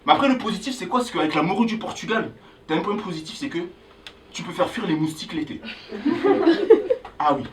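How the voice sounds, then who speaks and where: A young man from Angola doing a stand-up comedy set on a club stage, loudly hyping the crowd between jokes. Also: sits high, fairly quick, long pauses, far from the mic, a little hiss or hum, low-quality recording. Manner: animated, hyping the crowd with loud calls. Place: comedy club stage before a live audience.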